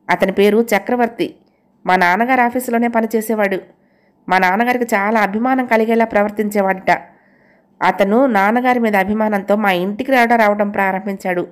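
A woman voicing a troubled young woman who calmly reveals a hidden past, in an audio novel. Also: mid-range voice, natural voice.

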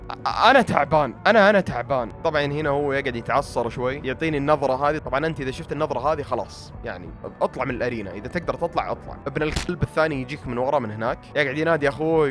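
A man's voice: a little high, fairly bright tone. A young man with a Gulf Arabic accent giving casual gameplay commentary, grumbling and joking at himself, his voice tired and strained. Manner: grumbling, self-mocking, talks straight to viewers. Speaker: gaming YouTuber.

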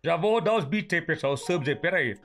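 A Brazilian man with a hoarse, raspy voice and a slushy lisp, chatting casually as he streams a game. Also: fairly high pitch, lively intonation, fast talker, a bit bright, a little hiss or hum. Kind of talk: casual livestream chat. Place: indoor room, streaming setup.

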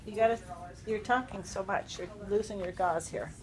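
A woman's voice: mid-range voice, normal speed. A woman chatting casually in an amused, reassuring way, explaining things simply to a patient. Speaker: companion of a patient. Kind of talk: casual chat. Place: small curtained recovery room indoors. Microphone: handheld phone.

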